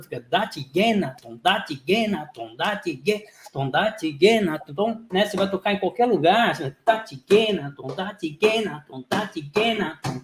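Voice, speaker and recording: High-voiced man chanting rhythm syllables. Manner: chants konnakol syllables in quick rhythmic runs. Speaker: drum teacher. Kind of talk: online lecture with sung rhythm syllables. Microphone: video call. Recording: roomy echo.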